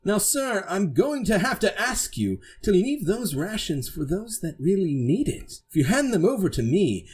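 A man's voice: high-pitched, very animated, moderate pace, hardly any pauses, a little mellow, voice pushed up. Man doing a pompous officious knight. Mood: haughty.

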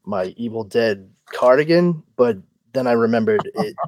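A man's voice: mid-range voice, lively intonation, normal speed, darkish tone, no echo. A man appearing as a podcast guest, stammering and self-deprecating in casual chat.

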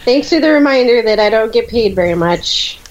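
Woman, fairly high voice, wry casual chat, podcast guest, slightly lo-fi sound. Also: animated, a little fast. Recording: slightly dull, lo-fi audio.

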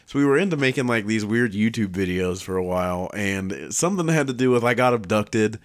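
A young man with a fairly low voice joking crudely on a casual podcast. He teases his co-host and laughs often while telling old stories. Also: expressive, fairly quick. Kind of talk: casual chat.

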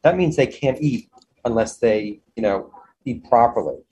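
A man with a husky, mid-pitched voice talks as a guest in a conversational interview. He sounds like an enthusiastic business owner, effusive and keen as he explains his work. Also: lively intonation, normal speed, darkish tone, muffled recording.

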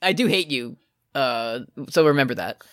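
With a clear, resonant mid-range voice and a moderate pace, this man co-hosts a podcast, joking around as he recaps an anime. His energy is lively and he gets loud when excited. The recording is clean studio sound without echo.

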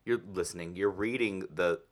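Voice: low-pitched, moderate pace. A podcast co-host who tends bar, talking in a blunt, sarcastic way and swearing freely. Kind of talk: casual podcast chat.

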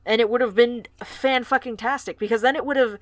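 A woman's voice: on the high side, steady tone, a little fast, no echo. A woman co-hosting a podcast, chatting casually and recapping a book's plot, swearing now and then. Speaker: podcast co-host. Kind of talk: casual book discussion.

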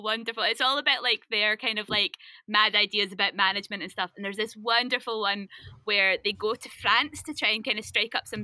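Woman podcast host, very bright tone, dry close sound, rambling anecdotal delivery. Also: mid-range voice, no room sound. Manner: chatty, animated storytelling with many fillers. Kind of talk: casual chat.

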